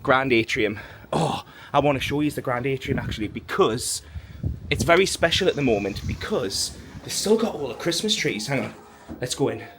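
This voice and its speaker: A man's voice: mid-range voice, lively intonation, normal speed, a bit bright, a little hiss or hum. A young man chatting casually in a travel vlog on board a cruise ship, self-deprecating and laughing often. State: out of breath at times. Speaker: cruise vlogger. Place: aboard a cruise ship, outdoor deck and corridors.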